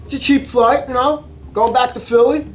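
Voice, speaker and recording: A man hosting a vlog, telling a long story in an emphatic, animated way and often repeating himself. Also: very high voice, moderate pace, a little hiss or hum, rough recording. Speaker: cooking channel host.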